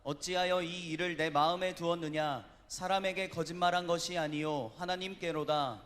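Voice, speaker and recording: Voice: mid-range voice, normal speed. Congregation reciting scripture in unison. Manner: steady, recited together. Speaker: congregation reading scripture aloud. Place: church sanctuary. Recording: reverberant church hall.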